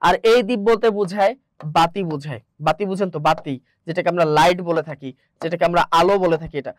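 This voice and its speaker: A man's voice: fairly high pitch, fast, dry recording. A man with a Bangladeshi Bengali accent teaching an exam-prep grammar lesson, asking rhetorical questions and repeating the answers.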